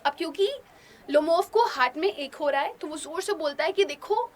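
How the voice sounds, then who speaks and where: A woman's voice: high-pitched, fairly quick. A woman English teacher explaining a play, line by line, in simple Hindi for students. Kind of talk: bilingual classroom story explanation.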